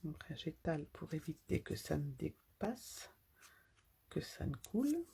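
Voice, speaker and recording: Woman papercraft demonstrator, low gravelly voice, lively pitch, chatty live tutorial. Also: measured pace, a little hiss or hum. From France. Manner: chatty, talks while working with hands.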